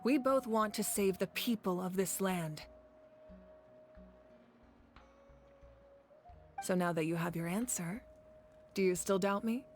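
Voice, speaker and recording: In this scripted video game voice acting, an actress plays a game character: a confident, caring woman who leads warriors and was once a fire deity. Her natural, medium-pitched voice sounds composed, resolute and measured, with a warm, teasing mood. The game audio has background music.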